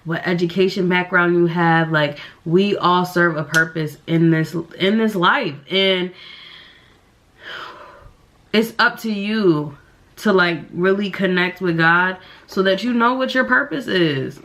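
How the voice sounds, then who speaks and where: A young beauty vlogger with a fairly low, fairly bright voice takes her time as she chats through a casual get-ready-with-me video at home. She sounds a bit nasal from the flu and rambles with plenty of fillers.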